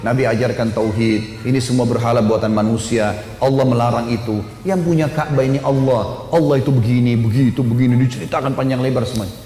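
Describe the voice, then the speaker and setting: A man telling a story as a sermon, animated and casual, voicing the people in his story and dropping in filler tags. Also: medium pitch, a little fast. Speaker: preacher. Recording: echoey hall with faint ambient noise.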